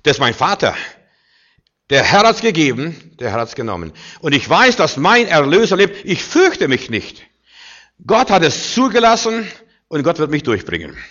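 Lively, emphatic male preacher. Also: normal speed. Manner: emphatic, swings between loud declarations and quiet low asides. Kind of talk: sermon. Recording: dull lo-fi recording.

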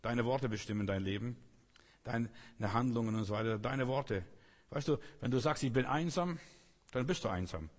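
Guy preaching, husky, keeps repeating himself for emphasis, big reverby hall. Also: medium pitch, moderate pace. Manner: emphatic, repetitive preaching, mimics complaining voices. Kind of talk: sermon.

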